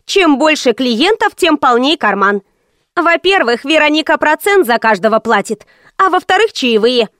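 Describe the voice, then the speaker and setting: A woman voicing a brash, sharp-tongued female hairdresser who talks quickly and scornfully. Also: high-pitched, very animated, dry recording, studio quality. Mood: gossipy.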